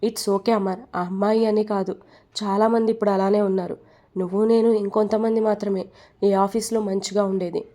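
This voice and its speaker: A woman's voice: medium pitch, level tone, moderate pace, warm tone, close to an everyday voice. A woman voicing a young man who casually reassures his office friend. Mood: reassuring.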